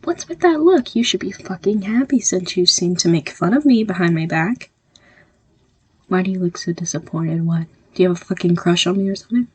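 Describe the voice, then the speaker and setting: A brash young female classmate , played by a woman, tears into someone in this audio role-play. She is blunt and foul-mouthed, with a husky, breathy edge to her voice. The recording is dry and close, with no room sound. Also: on the low side, a little fast, a little mellow, dry recording. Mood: scornful. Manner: blunt, swearing, confrontational. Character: abrasive young woman college classmate, confrontational.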